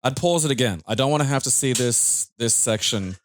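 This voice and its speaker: A man chatting casually over a video game, rambling and halting as he goes. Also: mid-range voice, animated, no room sound. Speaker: gaming commentator. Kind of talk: casual gaming banter.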